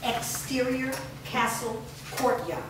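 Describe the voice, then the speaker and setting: A woman with a fairly high, level voice reads scripted stage directions slowly, serving as narrator for a staged reading. She's recorded from a distance in a large, echoey room, and the audio is noisy.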